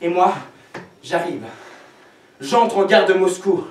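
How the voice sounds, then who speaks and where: Young guy playing a bratty idealistic teen son in a stage play, real high voice, super echoey and far from the mic. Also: takes it slowly, slight background noise. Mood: elated. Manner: mocking and passionate, bursts into shouts. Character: defiant idealistic teenage son, scornful. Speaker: actor. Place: theater stage. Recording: echoey hall, miked from far off.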